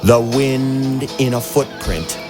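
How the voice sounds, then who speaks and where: A poetry reader with a medium-pitched male voice reads fragmentary poems slowly over a soundscape, measured and trailing into whispers. His voice sits over a loud music bed.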